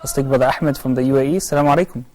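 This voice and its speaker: A man's voice: medium pitch, racing, darkish tone, slight background noise, rough recording. A man hosting a live call-in talk show, greeting callers and passing their questions to a scholar. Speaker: live show host taking calls.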